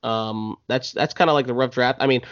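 A man talking as a podcast guest, relaxed and rambling with lots of fillers. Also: medium pitch, fairly quick. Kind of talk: casual podcast chat. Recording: slightly dull lo-fi sound.

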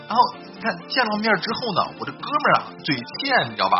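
Lively joke-telling man over loud music. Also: high-pitched, fast. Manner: chatty and rambling, bursts into loud laughter at his own jokes; keeps checking in with the listener. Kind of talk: casual comedic storytelling monologue. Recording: dull lo-fi audio with loud background music.

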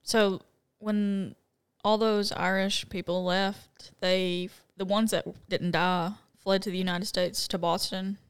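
A woman's voice: mid-range voice, little pitch movement, slow pace, few pauses, smooth, dry recording, clean studio sound. A woman co-hosting a podcast in casual chat, laid-back with frequent "like". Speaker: podcast co-host.

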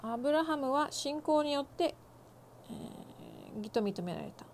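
Female interpreter, fairly high voice, works in quick bursts with fillers; light hum in the background. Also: sing-song, gravelly, darkish tone. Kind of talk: consecutive interpreting of a Bible lesson.

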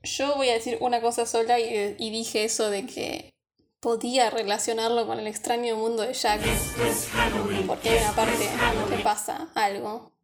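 A woman's voice: a little high, flat delivery, moderate pace, over loud music. A woman with a Rioplatense Spanish accent, co-hosting a film podcast in casual chat, talking loosely and laughing often. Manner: chatty, laughs often, trails off mid-sentence. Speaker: podcast co-host.

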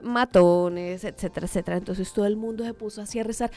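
A woman telling a story in a casual, animated way, full of fillers and acted-out reactions. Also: mid-range voice, fast.

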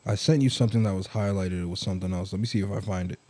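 Young adult male, mellow tone, loose rambling friend-to-friend banter with a teasing edge. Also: low voice, steady tone, rapid-fire.

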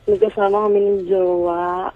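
Husky-voiced woman on a phone line. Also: mid-range voice, level tone, normal speed. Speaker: caller. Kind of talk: phone-in chat on a comedy radio show. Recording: muffled phone line with music behind.

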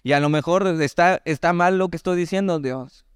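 A Mexican man preaching in a relaxed, conversational sermon style, with a Mexican Spanish accent. His voice is smooth and resonant at a mid pitch. It is recorded close and dry, with no room sound. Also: no echo. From Mexico, Veracruz. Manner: conversational, animated asides, reads scripture slowly. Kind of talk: sermon, Bible teaching.

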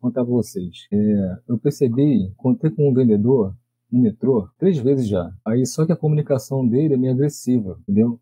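Guy talking fast, dark husky voice, casual storytelling, dry sound. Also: mid-range voice, rough recording. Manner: conversational, checks in with "entendeu?". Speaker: podcast co-host.

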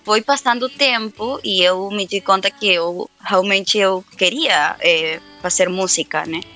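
A young woman guest in a live interview speaks Portuguese slowly and carefully, though her first language is Spanish. Her bright, clear, medium-pitched voice is hesitant and halting, often restarting words and laughing, with faint music behind her.

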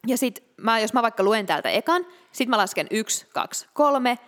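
A woman's voice: a little high, expressive, fairly bright tone, big-room sound. A young woman from Finland co-hosting a podcast with her sister, chatting casually and laughing often. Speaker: podcast co-host. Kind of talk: casual chat.

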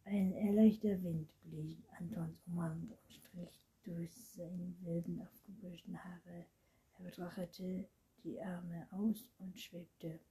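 A woman reading a children's storybook aloud in a slow, gentle way, often half-whispered. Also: fairly low pitch, level tone. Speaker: narrator.

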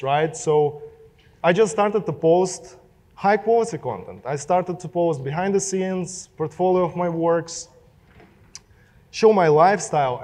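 A man's voice: on the high side, darkish tone. A young man with a Russian accent gives a casual talk to a live audience, speaking directly and asking the room questions. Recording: long reverb of a hall.

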